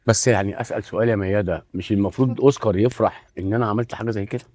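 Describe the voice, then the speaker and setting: A man playing a gentle old Egyptian father. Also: fairly low pitch, steady tone, no echo, clean studio sound, lightly acted. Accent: Egyptian Arabic. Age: older. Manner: patient and reassuring, halting. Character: kind, protective old father. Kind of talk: web drama acting.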